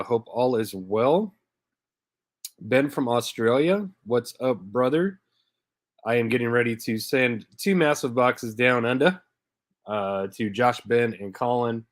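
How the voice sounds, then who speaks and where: Hosting a live diecast car stream, this thirtysomething man has a medium-pitched voice captured in a dry recording. Congested from a head cold, he chats in an easygoing way and greets viewers by name with small laughs.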